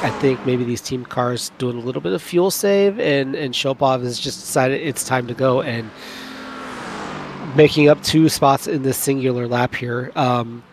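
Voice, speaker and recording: A male race commentator calling a long sim race live, enthusiastic and a little sleepy, who often repeats words when excited. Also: mid-range voice, slight background noise. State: sleepy late in a long broadcast.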